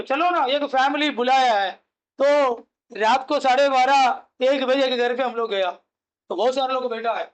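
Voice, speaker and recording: A man's voice: very high-pitched, a bit bright. A male pastor preaching a sermon, asking rhetorical questions, answering them himself and repeating key phrases.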